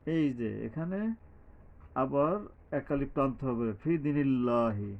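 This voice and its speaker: A man teaching Quran recitation at a very slow, deliberate pace, his voice sitting in a middle pitch. He chants verses in drawn-out tones before breaking down their pronunciation. The recording sounds dull and lo-fi. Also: expressive, gravelly. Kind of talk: Quran recitation lesson with grammar explanation.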